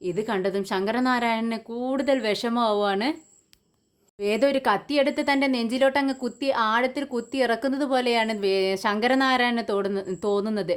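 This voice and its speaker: A woman's voice: a little high, normal speed, smooth. A woman giving a casual voice-over that retells a television serial's plot, talking conversationally and often restarting her words. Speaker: serial review narrator.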